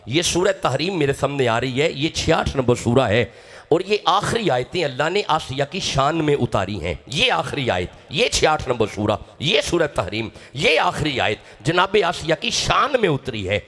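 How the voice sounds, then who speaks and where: A man's voice: a little high, very animated, a bit bright. A man from Pakistan with a Punjabi accent, preaching an emotional sermon, dramatic and urging his audience to respond.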